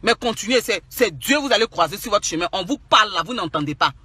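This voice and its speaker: A man's voice: high voice, lively intonation, fast talker, bright, forceful tone, husky. A man with an Ivorian French accent, scolding his online followers in an angry, repetitive, preachy rant. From Côte d'Ivoire. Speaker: social media commentator.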